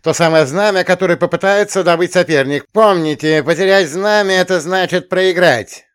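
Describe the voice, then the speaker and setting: A man's voice: high-pitched, moderate pace, smooth, voice pushed up, lightly acted. A man voicing a pompous, jittery male camp counselor who barks orders and loses his words. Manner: shouty, pompous, flustered.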